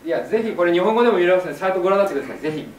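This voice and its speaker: A man interpreting a stage talk for the audience, adding quick, polite asides. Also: high voice, lively intonation. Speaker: interpreter and co-host. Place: large hall, recorded from afar. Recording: echoey hall, far from the mic.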